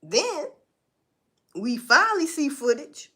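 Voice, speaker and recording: A woman's voice: high-pitched, sing-song, slow, pushed and bright. A woman giving casual, profane and sarcastic commentary, rambling along with sighs and laughs. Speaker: vlogger commenting on news.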